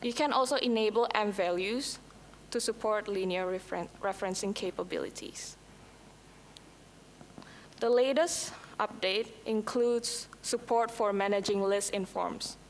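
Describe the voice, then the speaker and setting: Giving a scripted product demo at a conference, this woman, whose first language is Indonesian, reads her lines a little slowly and at medium pitch, now and then slipping and starting over. The hall adds long reverb and faint ambience, along with slight background noise.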